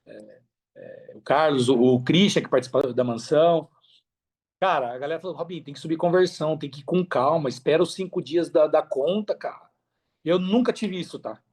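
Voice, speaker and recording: With a slightly high, breathy voice and a fairly quick pace, a Brazilian affiliate marketer talks casually as a podcast guest. Expect animated storytelling with acted-out quotes, heavy slang, repeated phrases and strong emphasis.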